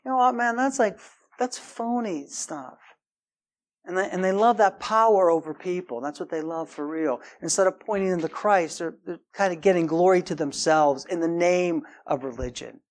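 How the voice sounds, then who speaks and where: A middle-aged man preaching a sermon, emphatic, his voice rising high and loud to stress points. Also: moderate pace. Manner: emphatic, rising in pitch and volume for stress, acts out quoted voices. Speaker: pastor.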